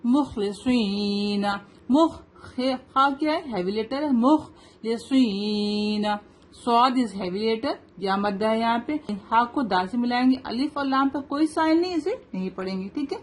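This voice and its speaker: A woman, teaching tajweed to children, explaining rules quickly and then reciting slowly word by word. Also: fairly high pitch, lively intonation.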